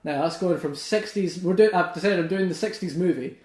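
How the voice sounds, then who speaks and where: Ranting young man, high voice. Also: a little fast, echoey room, a little hiss or hum. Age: young adult. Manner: swears a lot, ranting and excitable. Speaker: podcast host. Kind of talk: casual chat.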